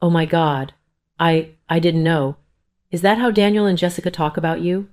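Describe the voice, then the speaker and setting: A stunned middle-aged ex-husband, spoken low and warm by a woman reading the part. The reading stays plain rather than acted. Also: fairly even intonation, normal speed, natural voice. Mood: shocked.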